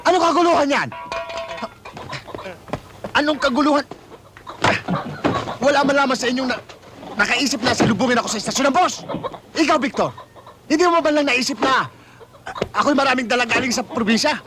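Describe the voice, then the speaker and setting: An actor playing a hot-tempered older man in a sitcom who shouts and scolds. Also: extremely high pitch, fairly quick, pauses often, heavy background noise. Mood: scolding. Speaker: sitcom character. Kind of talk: slapstick sitcom acting.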